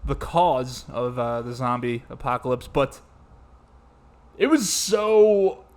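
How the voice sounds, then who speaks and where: A man co-hosting a podcast, chatting casually about a movie, agreeable and quick to laugh. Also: mid-range voice, expressive, a little mellow. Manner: laughs often, agreeable, backchannels a lot. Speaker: podcast co-host reviewing a movie. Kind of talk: casual chat.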